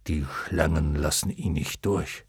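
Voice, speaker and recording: A man voicing a huge, wise and gentle male luck dragon in an audiobook, murmuring slowly and solemnly. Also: breathy edge, no room sound, studio quality, exaggerated voice. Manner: deep hushed murmur, slow and solemn. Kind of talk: audiobook character voice.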